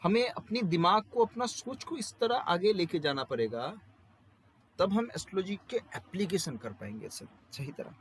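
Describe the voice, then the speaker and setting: A man's voice: sits high, big pitch swings, normal speed, slight background noise, rough recording. A man with a Bengali accent teaching an astrology class, explaining with rhetorical questions and everyday examples and dropping English phrases into his Hindi. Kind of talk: classroom lecture.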